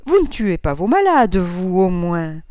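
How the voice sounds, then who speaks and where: A woman voicing a bossy, sharp-tongued society hostess with shrill exclamations. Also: very animated, unhurried, no room sound, clean studio sound. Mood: mocking.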